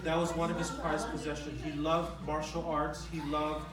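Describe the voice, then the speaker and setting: A middle-aged man gives an informal eulogy, speaking in a halting, conversational way and often repeating his phrases. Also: on the high side, flat delivery. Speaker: son giving a eulogy for his father. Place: large reverberant room at a memorial gathering. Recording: very echoey, distant microphone in room.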